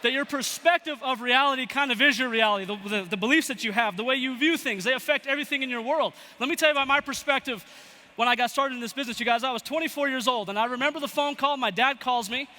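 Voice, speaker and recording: Man, young adult, motivational speech, animated storytelling, sharp tone, reverberant event hall. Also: extremely high pitch, quick pace. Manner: animated storyteller acting out quoted voices. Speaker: motivational speaker.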